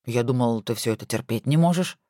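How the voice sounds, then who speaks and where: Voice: mid-range voice, lively intonation, fairly quick, mellow, dry recording, clean studio sound, close to an everyday voice. A reader voicing a good-natured husband who banters playfully with his wife, in a storybook reading.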